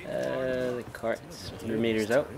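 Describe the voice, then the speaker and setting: A man's voice: mid-range voice, little pitch movement, slow, vocal fry, crowd noise. A man from the United States giving casual commentary while playing a video game, talking offhand and a bit self-deprecating. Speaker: gameplay streamer. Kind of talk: casual let's-play commentary.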